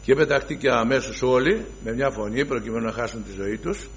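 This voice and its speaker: A man preaching a sermon to his brothers, emphatic, swinging from loud exclamations to hushed asides and reciting scripture in formal archaic wording. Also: mid-range voice, slight background noise. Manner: addresses the listeners as brothers.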